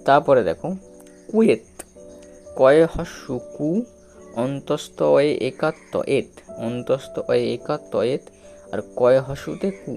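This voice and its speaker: A man with a gravelly, mellow voice works through a reading lesson, sounding out each syllable slowly and repeating it. He checks in often with the listener. Faint music plays underneath. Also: medium pitch, fairly even intonation. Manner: slow, repetitive, drawn-out syllables with frequent checks. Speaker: teacher.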